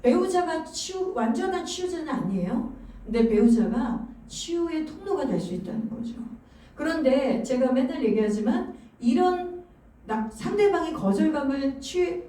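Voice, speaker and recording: A middle-aged woman pastor preaching a sermon, animated and acting out what spouses say to each other. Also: sits high. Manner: animated, acts out spouses' lines in quoted voices. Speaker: senior pastor. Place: church sanctuary. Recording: echoey church hall, far from mic.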